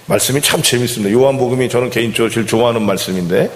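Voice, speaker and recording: A man's voice: medium pitch, very fast. Man preaching in a reverberant church. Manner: conversational, keeps asking the congregation questions. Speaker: senior pastor. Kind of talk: sermon. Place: church sanctuary. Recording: long church hall reverb.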